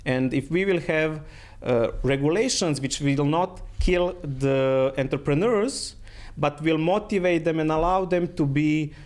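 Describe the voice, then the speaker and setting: A man's voice: fairly high pitch, a little slow, few pauses, a little mellow. A middle-aged man from Croatia, a guest in a casual interview, speaking in phrasing and often repeating his words.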